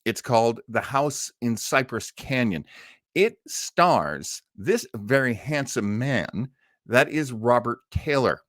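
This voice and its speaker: Slow-paced and animated, this medium-pitched, slightly bright male voice comes across as clean studio audio with no room sound. He's the host of an old-time radio listening livestream, chatting loosely and drifting off on tangents.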